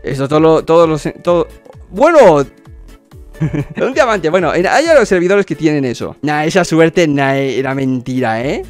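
A man's voice: on the high side, animated, moderate pace, faint music behind. A young man from hosting a reaction video, exclaiming, repeating words and laughing often. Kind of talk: excited reaction commentary.

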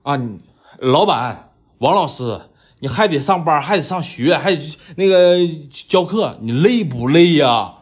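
A man's voice: on the high side, expressive, unhurried, breathy edge. A man with a Northeastern Mandarin accent hosting a staged prank skit, flustered and pleading, repeating himself. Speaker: vlog host.

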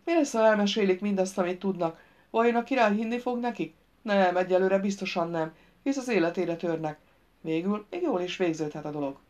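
A woman's voice: mid-range voice, darkish tone, natural voice. A woman reading an audiobook, voicing a scheming nobleman reasoning anxiously with himself in a slightly raised voice.

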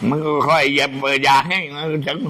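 A man's voice: on the high side, quick pace, noisy background. An older man, a senior monk, telling stories casually in a rambling old man's way, often repeating his words. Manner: animated. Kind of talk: casual storytelling.

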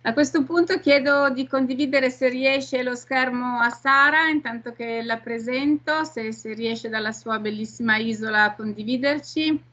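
A woman's voice: a little high, steady tone, normal speed, hardly any pauses, fairly bright tone. A middle-aged woman moderates an online conference over a video call, introducing speakers. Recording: slightly dull video call sound.

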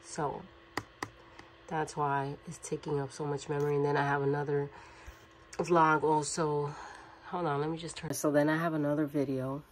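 A woman's voice: low-pitched, level tone, normal speed, a little hiss or hum. A woman in her thirties vlogging at home, rambling casually to her phone's front camera in a small room. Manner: rambling, chatty, thinking aloud. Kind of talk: casual vlog chat. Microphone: phone front camera close to the face.

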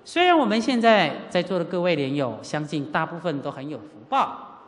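Giving a sutra lecture at a Buddhist centre's lecture hall, a middle-aged Taiwanese teacher preaches at a moderate pace, telling personal stories with lively swings in pitch. Dialogue gets acted out and rhetorical questions are put to the listeners, with long reverb following every phrase.

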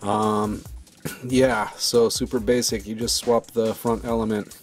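A man giving a relaxed, rambling voice-over about his video, full of fillers and restarts. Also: fairly low pitch, slow pace, soft background music. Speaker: video maker. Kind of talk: casual voice-over commentary.

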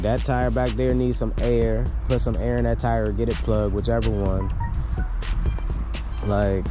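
A man filming a casual, slangy walkaround of used cars outdoors, thinking aloud as he checks them over. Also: mid-range voice. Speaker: car flipper and vlogger. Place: outdoors on a grassy lot by the cars.

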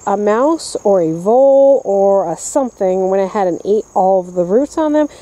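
A woman's voice: medium pitch, mellow, rough recording. A woman in her thirties giving a casual, upbeat tour of her backyard vegetable garden, filmed with a handheld camera at arm's length. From upstate New York, US. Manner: chatty, upbeat, walking and pointing at plants. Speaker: gardening vlogger. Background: crickets and insects.

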